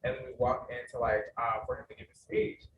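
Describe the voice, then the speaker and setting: A man's voice: medium pitch, brisk, noisy background. A man on a student panel, telling a story in a rambling way with frequent ums. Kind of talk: panel discussion, casual storytelling. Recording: tinny distant sound in echoey room.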